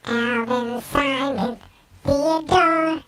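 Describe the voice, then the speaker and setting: A man on a casual live stream, his voice run through a pitch-shifting chipmunk filter while he goofs around. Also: wildly swooping pitch, creaky, bright, forceful tone, slight background noise, heavily acted. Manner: goofing around, slow and singsong.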